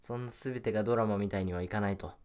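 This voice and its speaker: A man's voice: fairly low pitch, fairly even intonation, very fast, darkish tone, clean tone. A young man chatting casually while playing a mobile game, muttering and repeating little phrases to himself. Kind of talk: casual rambling gameplay chat.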